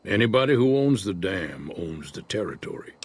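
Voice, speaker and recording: An actor voicing a retired old male prospector in a video game, speaking in an unhurried folksy drawl. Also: low-pitched, big pitch swings, breathy edge, exaggerated voice. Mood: easygoing. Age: older. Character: weathered old male prospector, laid-back and wary. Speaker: retired prospector in a frontier town.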